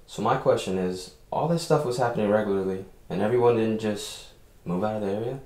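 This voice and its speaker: A man's voice: lowish voice, brisk, a little mellow, lightly acted. An actor playing a blunt, profane young man who challenges others skeptically in an audio drama. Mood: challenging. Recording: roomy echo.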